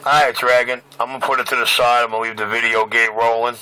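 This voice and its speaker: A man's voice: medium pitch, little pitch movement, quick pace, pushed and bright, clear, resonant tone, low-quality recording. A man chatting and calling out over a CB radio channel, his transmission off frequency, joking and rambling between calls. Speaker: CB radio operator. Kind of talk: casual CB radio banter. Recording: heavy static over CB radio.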